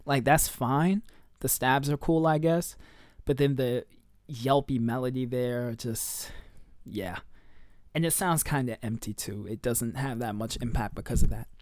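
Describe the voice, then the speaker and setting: A young man talks through tracks in a relaxed, slangy way, trailing off and filling pauses as he weighs each one. His voice sits at an ordinary middle pitch, picked up on a close mic in a dry, dead room. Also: no room sound, soft background music. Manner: laid-back, slangy, with fillers and trailing off. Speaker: music reviewer. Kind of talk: casual review commentary.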